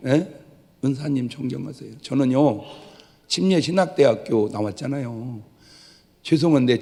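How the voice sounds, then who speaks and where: Joking pastor in an echoing church. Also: male voice, medium pitch. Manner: lively, joking preacher who acts out quoted voices. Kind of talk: sermon. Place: church sanctuary.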